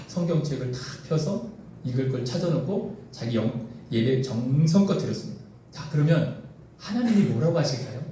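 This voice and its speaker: A pastor preaching a sermon in a church sanctuary, telling a story to the congregation with lots of animation. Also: male voice, medium pitch, mellow. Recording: echoey hall from far off, faint noise.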